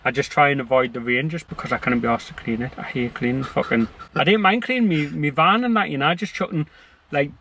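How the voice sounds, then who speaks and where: A man's voice: fairly high pitch, fast, vocal fry, sharp tone. A man, a car owner chatting in a blunt, laid-back way full of swearing. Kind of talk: casual chat. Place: outdoors by a car. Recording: outdoor street noise.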